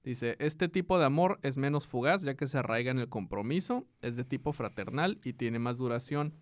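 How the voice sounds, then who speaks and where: A laid-back man with a Mexican Spanish accent chats on a podcast at an ordinary mid pitch. He reads definitions aloud in an easy, joking way. The sound is dry and close to the mic. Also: lively intonation, normal speed, no room sound. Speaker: podcast co-host. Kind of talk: casual chat.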